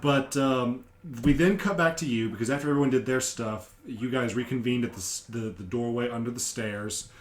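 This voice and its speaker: A man of average pitch speaks as a game master in casual conversation. He retells a tabletop session step by step, in an explanatory way. The room around his voice is noticeably echoey. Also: brisk, few pauses.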